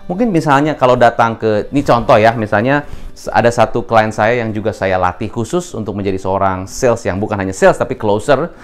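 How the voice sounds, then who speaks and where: A man who coaches salespeople and explains how to close deals. He talks in an animated way and mixes in English terms. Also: fairly low pitch, brisk, faint music behind. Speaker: sales trainer. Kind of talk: training talk with role-play demos.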